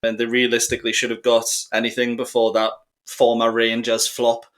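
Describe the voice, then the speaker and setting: A man's voice: medium pitch, monotone, fairly quick, fairly bright tone. A man who is a guest on a football podcast, giving confident analysis with dry, sarcastic humour. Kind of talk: casual football podcast chat.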